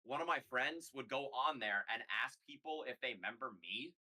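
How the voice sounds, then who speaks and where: Bright-voiced laid-back young man. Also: medium pitch, expressive, a little fast, poor audio. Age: young adult. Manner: laid-back storytelling, self-mocking. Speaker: guest. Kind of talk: casual chat.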